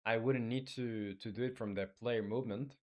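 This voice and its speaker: On his live game-development stream, this young man from Chile reads out viewer comments in a casual chat. Spanish is his first language and his accent is Chilean; his mid-range voice stays steady even as he halts, restarts and uses fillers.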